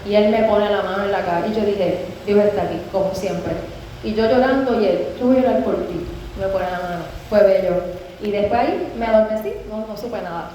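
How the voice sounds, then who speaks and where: A woman giving a heartfelt personal testimony, an expressive storyteller who acts out remembered dialogue. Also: medium pitch, brisk, dull audio. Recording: very echoey room with faint background noise.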